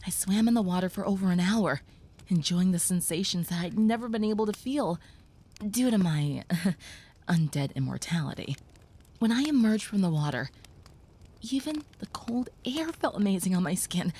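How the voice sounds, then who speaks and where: A woman voicing a gentle young female vampire who soothes a human listener, speaking softly and often in a whisper, in an audio roleplay. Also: mid-range voice, expressive, normal speed, husky.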